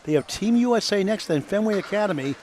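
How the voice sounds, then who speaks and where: A man's voice: sits high, animated, quick pace, a little mellow, a little hiss or hum. Chatty man rattling off bowling standings. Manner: chatty, rattles off scores and schedules. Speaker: color commentator. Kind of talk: live bowling commentary, standings rundown.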